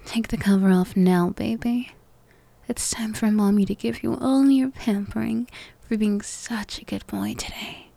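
A woman whispers close to the mic in a slow, soothing comfort roleplay. Her voice is mellow and breathy, staying flat and even. The sound is dry with no room around it. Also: mid-range voice, no echo. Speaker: ASMR roleplay performer.

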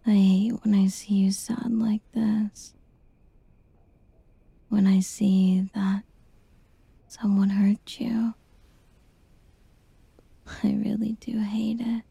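A woman whispers softly and slowly, her voice very breathy and airy with a gravelly edge of fry. Her tone is deeply mellow and stays within a narrow, even range, soothing and reassuring in an ASMR roleplay. The sound is close and completely dry. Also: no echo. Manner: slow, tender and reassuring.

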